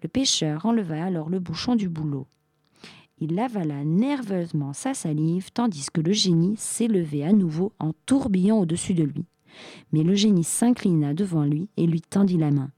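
A woman narrating a fairy tale in a calm, even storytelling manner. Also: lowish voice, normal speed, husky, no echo, clean studio sound.

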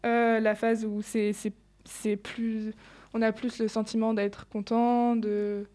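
Teen girl reading her own poem then explaining it, lotsa "euh", highish mellow voice. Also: level tone, slow. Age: teens. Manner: hesitant, many fillers. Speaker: student co-host.

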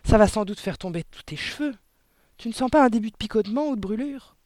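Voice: medium pitch, expressive, a little fast, warm tone, no echo, voice pushed up, lightly acted. A reader voicing a hysterical middle-aged mother who shrieks and scolds her husband in an audiobook. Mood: scolding. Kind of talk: audiobook reading.

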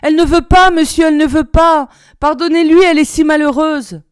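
A woman's voice: high voice, steady tone, brisk, no room sound, studio quality, pitched above the performer's own voice, close to an everyday voice. A woman reading a story aloud, voicing a frantic old servant woman who cries out and pleads. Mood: pleading. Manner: pleading, crying out.

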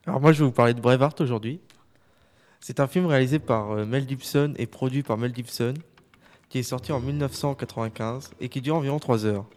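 A man's voice: mid-range voice, fairly quick, a little mellow. A man reviewing a film, moving between prepared summary and casual discussion.

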